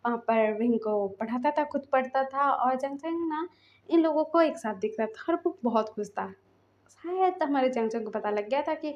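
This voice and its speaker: A woman casually retelling a fan fiction story in a chatty way, acting out the quoted lines. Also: darkish tone. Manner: chatty, acts out quoted lines with rising pitch. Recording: muffled lo-fi audio.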